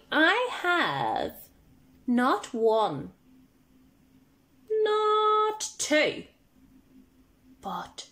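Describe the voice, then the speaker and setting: A woman's voice: a little high, a bit bright. A woman leading a children's arts workshop, singing songs and cheerfully encouraging the children to join in.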